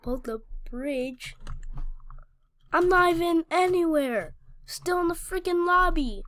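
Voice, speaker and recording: A woman casually commenting on her Minecraft gameplay, excitable and slangy, often stammering and talking back at the game. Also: very high-pitched, takes it slowly. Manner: scattered, restarts and stammers. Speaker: gaming channel host.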